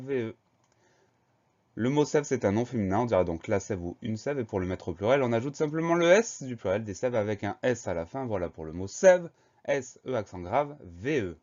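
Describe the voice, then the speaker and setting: A man teaching a spelling lesson, spelling each word slowly and carefully, letter by letter. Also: fairly low pitch, a little mellow, muffled recording.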